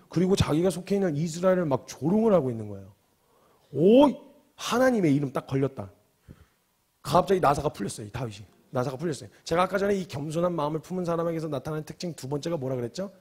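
Fast-talking, husky male preacher. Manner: animated storytelling, swings from loud outbursts to low asides. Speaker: missionary preacher. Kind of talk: sermon.

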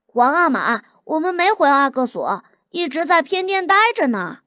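Woman doing a young prince, hurried, soothing, high bright pitch, dry close recording. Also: very animated, no room sound. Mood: placating. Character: eager young male prince, placating brother.

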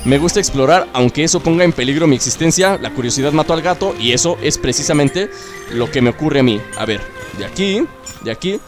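A young man, chatting excitedly as he plays through a video game and cheers himself on. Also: on the high side, fairly quick. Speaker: gaming YouTuber. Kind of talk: let's play commentary. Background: game music.

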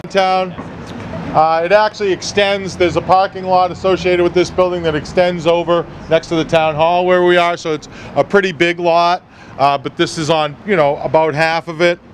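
A man's voice: high-pitched, flat delivery, normal speed. A middle-aged man leading a walking tour outdoors on a town street, explaining with lots of figures and fillers into a handheld mic. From New England. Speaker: tour guide. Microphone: handheld mic, filmed by a nearby camera. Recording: faint street noise outdoors.

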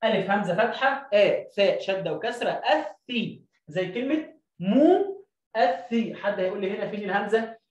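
A man with an Egyptian accent teaching children to read, stretching syllables out slowly and then explaining in quick bursts. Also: high-pitched, animated, reverberant, distant mic, muffled recording. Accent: Egyptian Arabic. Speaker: reading teacher. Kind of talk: children's reading lesson.

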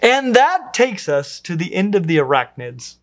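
A man's voice: sits high, big pitch swings, measured pace. A man with a slightly raised voice narrates a science lesson on small creatures. He reads from a script and drops in dry, wry little asides. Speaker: educational video host.

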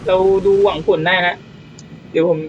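A man giving casual let's-play commentary on a naval battle game, excitable, swearing casually and exclaiming often. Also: moderate pace, highs cut off, a little hiss or hum.

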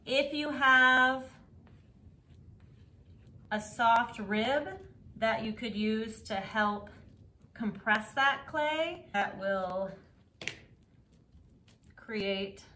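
A woman teaching a pottery lesson, calmly explaining each step while she works the clay. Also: on the high side, very slow, pauses often, a little hiss or hum. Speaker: ceramics teacher. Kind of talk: instructional craft demonstration.

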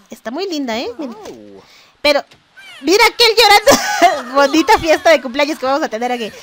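Young woman, gaming vlogger, high bright register, chatty and teasing commentary. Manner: chatty, exasperated, jokes with game characters. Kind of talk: casual gameplay commentary.

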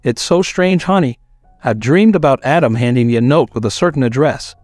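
Guy reading as a soft kind lady in a story, dry voice, quiet music under it. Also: mid-range voice, a little fast, dry recording, lightly acted. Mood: tender. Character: kind grieving woman, gentle and caring.

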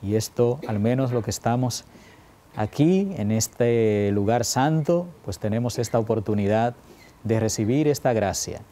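A man, a priest, preaching a calm, reflective homily at the altar of a chapel. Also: medium pitch, a little slow.

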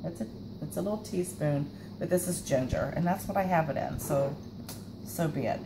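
Her low-pitched voice moves at a moderate pace over background noise from her kitchen, where a camera mic records her casual home cooking show. She's a woman in her forties, talkative, filler-prone, and quick to poke fun at herself.

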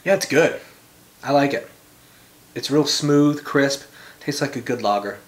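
A man's voice: mid-range voice, measured pace, reverberant. A man in his forties chatting casually in short, laid-back remarks, as in a home review video filmed in a small room. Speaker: beer reviewer and vlogger. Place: small bedroom, indoors.

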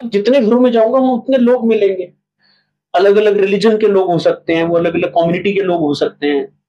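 During a casual interview, a man who writes and stages plays tells animated stories and acts out small examples. His voice sits high and his delivery is brisk, but the recording is muffled.

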